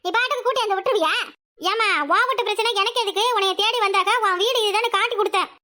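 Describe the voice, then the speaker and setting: A woman acts out a cartoon village housewife who is quarrelsome and sharp-tongued, scolding rapidly. She uses a Kanyakumari Tamil accent and an extremely high pitch.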